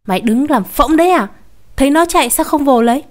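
A woman's voice: medium pitch, fairly quick, darkish tone, lightly acted. A woman voicing a harsh, bossy mistress of the house who scolds her young servant. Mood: scolding.

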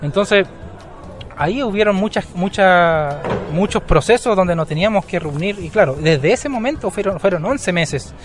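A man's voice: high voice, expressive, moderate pace. A young man in his twenties with a slightly raised voice, recounting his work at an easy interview pace. He talks in a hesitant way, full of fillers and restarts. He was recorded outdoors in a built-up area. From southern Chile. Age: 20s. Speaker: Mapuche language teacher. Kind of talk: casual interview account. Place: outdoors at a bus terminal.

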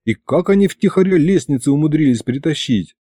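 A man reading a first-person audiobook in a lively, expressive way. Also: on the high side, fairly quick, breathy edge, no room sound, studio quality. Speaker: audiobook narrator.

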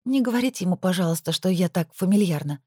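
An audiobook narrator voicing an excitable young woman lawyer who keeps protesting defensively. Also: medium pitch, quick pace, slightly rough, no room sound, studio quality. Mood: indignant, flustered.

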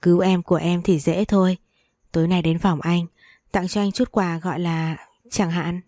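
A woman reading the part of a lecherous rich landlord who speaks slowly and drawls. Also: mid-range voice, fairly even intonation, warm tone, no room sound, close to an everyday voice. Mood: lazy, leering. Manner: slow, drawling, then sweetly menacing. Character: lecherous wealthy old landlord, male.

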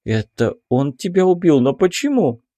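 A man's voice: fairly high pitch, moderate pace, no echo, highs cut off, pitched above the performer's own voice. A man reading an audiobook, voicing an emotional young witch woman in a raised voice. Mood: alarmed. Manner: excitable, emotional. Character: fiery young red-haired witch woman.

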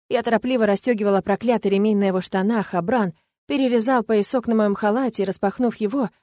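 A woman narrating a first-person fantasy romance audiobook in a lively, expressive way. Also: medium pitch, no echo. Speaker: audiobook reader. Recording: dry close recording.

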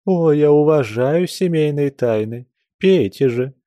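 A man's voice: fairly high pitch, animated, unhurried, warm tone, no room sound, pitched above the performer's own voice. A man reading an audiobook, voicing a prying, coquettish society lady who coaxes and insists, eager for gossip. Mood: coaxing, prying.

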